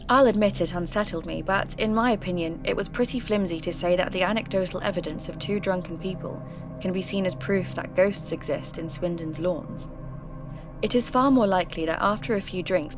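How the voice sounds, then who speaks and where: A woman with a natural, mid-range voice plays a skeptical but intrigued local radio host looking into ghost stories. Her podcast narration is scripted and measured, with a music bed beneath it.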